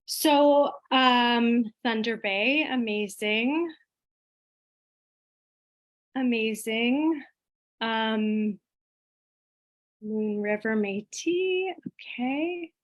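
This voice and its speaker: Speaking in a fairly high voice, a guest at an online event talks informally to her audience, slow and halting, frequently stopping mid-sentence. She comes from Iqaluit, Baffin Island, Nunavut, Canada.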